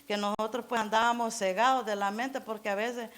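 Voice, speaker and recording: A middle-aged woman giving an informal church sermon in an earnest, halting way, restarting phrases and repeating words as she goes. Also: fairly high pitch, fairly even intonation, fairly bright tone. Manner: keeps urging listeners to imagine. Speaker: church member preaching.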